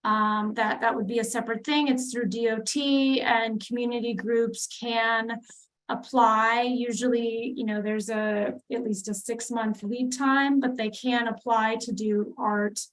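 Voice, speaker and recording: A woman's voice: a little high, level tone, measured pace, low-quality recording. A woman presenting a street plan at a public community meeting, talking with many fillers and restarts. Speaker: city transportation planner presenting.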